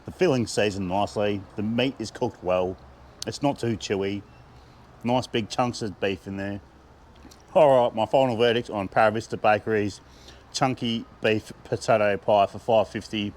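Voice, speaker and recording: A man's voice: on the low side, steady tone, normal speed, a little mellow. A man with an Australian accent, chatting with enthusiasm as he reviews food and laughing often. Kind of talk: casual food review vlog.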